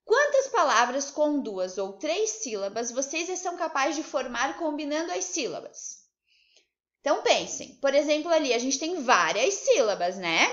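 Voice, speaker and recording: A woman teaching a remote class to young children, lively and coaxing, asking many questions. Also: high-pitched. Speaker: primary school teacher. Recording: slightly dull lo-fi recording.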